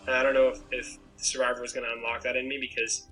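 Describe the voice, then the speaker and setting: Over a laptop webcam video call from a small bedroom, a young adult contestant from Maine reflects on himself in a pregame interview, rambling and restarting many times. His mid-range voice is monotone and sharp, and he speaks quickly, captured in low-quality audio.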